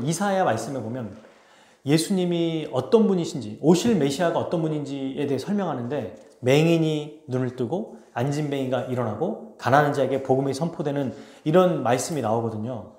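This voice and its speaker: A man, a pastor, giving an animated expository sermon and acting out the scenes he describes. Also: a little high, echoey room. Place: church sanctuary.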